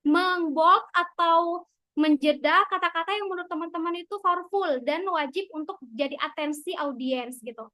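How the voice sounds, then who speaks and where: A woman with a high, bright voice teaches public speaking in a chatty online webinar, tossing in casual filler tags. The sound is close and dry, with no room around it. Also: normal speed, no room sound. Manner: chatty, frequent filler tags, acts out example lines. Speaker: university lecturer.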